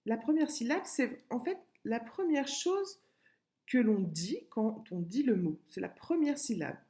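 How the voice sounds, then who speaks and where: A woman schoolteacher giving a recorded lesson to young pupils, patient and clear, repeating words and sounding out syllables. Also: fairly high pitch, sing-song, measured pace, warm tone. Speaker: primary school teacher. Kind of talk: remote classroom lesson video.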